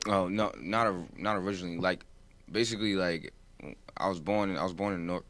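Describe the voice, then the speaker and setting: Very deep-voiced young New rapper. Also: male voice, fairly even intonation, brisk, a bit bright, no room sound. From New Jersey, US. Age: 20s. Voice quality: voice sounds older than his age. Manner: laid-back, rambling, says "you feel what I'm saying". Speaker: rapper guest. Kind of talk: casual interview chat.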